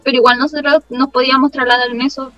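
A woman's voice: sits high, fast, highs cut off, soft background music. A young woman with a Chilean accent, a former missionary, telling a story in casual chat and often saying 'como'. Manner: lively storytelling, leans on the filler 'como'.

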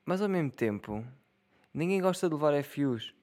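Here a twenty-something man with a European Portuguese accent talks alone on his podcast in a slightly high, a little mellow, animated voice at normal speed. The monologue is casual and rambling, full of jokes, free swearing and laughter at himself.

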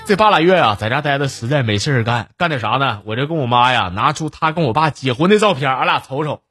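A man's voice: medium pitch, expressive, fast talker, sharp tone, breathy edge. Northeastern chinese guy cracking jokes on radio, voice swings all over. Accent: Northeastern Mandarin. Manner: chatty, joking, laughs at own punchlines. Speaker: radio comedy host. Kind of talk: joke-telling monologue. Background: background music.

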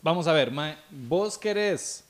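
Slangy Costa Rican man, relaxed chat. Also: fairly high pitch, slow. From Costa Rica. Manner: laid-back slangy talk, drops a filler word into most phrases. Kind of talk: casual podcast chat.

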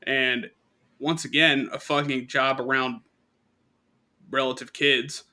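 A man's voice: mid-range voice, level tone, slow pace, sharp tone. A young man casually telling rambling, profanity-laced stories on a podcast and laughing at his own jokes. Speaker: podcast co-host. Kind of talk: casual storytelling chat.

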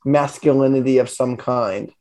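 A man's voice: mid-range voice, moderate pace, dark tone. A man co-hosting a podcast in casual chat, rambling with many fillers and restarts. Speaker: podcast co-host.

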